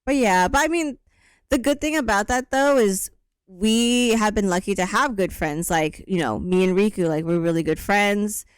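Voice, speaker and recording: A woman's voice: medium pitch, moderate pace, smooth, dry recording, studio quality. A woman in her thirties co-hosting a podcast in casual chat, talking in an easygoing, rambling way with plenty of fillers. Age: 30s. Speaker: podcast co-host.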